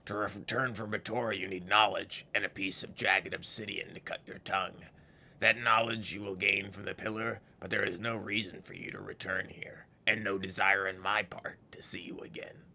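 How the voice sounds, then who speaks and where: Bitter old game fiend, ghoulish, creaky, hard-edged, theatrical villain, scornful, scheming. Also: male voice, lowish voice, little pitch movement, moderate pace, bright, forceful tone, heavily acted. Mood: grudging, irritated. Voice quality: gravelly, ghoulish. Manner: theatrical villainous delivery, savoring words, spitting disgusted interjections. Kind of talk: dramatic video game character read-aloud.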